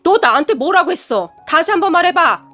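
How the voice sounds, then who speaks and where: A woman voicing a spiteful, quick-tempered middle-aged woman who snaps and talks down to others. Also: very high voice, lively intonation, sharp tone, soft background music, pitched above the performer's own voice, exaggerated voice. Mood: snapping. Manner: snapping, rude, talks down.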